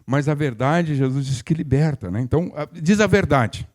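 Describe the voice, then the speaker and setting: A man's voice: a little high, expressive, moderate pace, darkish tone. An older male pastor, preaching in a folksy, conversational way with humorous asides and frequent restarts. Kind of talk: sermon.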